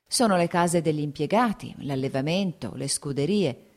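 Brief: woman reader doing a young noblewoman, anxious but joyful, pitched up with emotion, audiobook. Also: expressive, moderate pace. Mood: fond. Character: young noblewoman, anxious yet blissfully happy.

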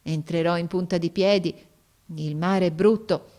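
A woman voicing a gentle, caring twelve-year-old girl in a storybook reading, with a light, raised girlish voice. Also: fairly low pitch, steady tone, unhurried, lightly acted. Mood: wistful.

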